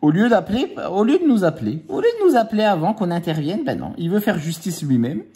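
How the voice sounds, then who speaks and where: At home with his kids nearby, a scratch-card vlogger scratches lottery tickets and chats casually. His voice is high, very animated and warm, and he teases the children playfully while stretching out each number as he counts.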